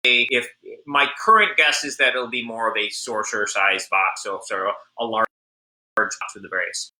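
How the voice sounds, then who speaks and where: A man on a video call whose audio keeps stuttering and dropping out from a bad connection. He talks haltingly and repeats words as the sound cuts. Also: fairly low pitch, bright, forceful tone, low-quality recording. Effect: choppy buffering audio over a bad internet link. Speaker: game designer guest. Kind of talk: live-stream Q&A.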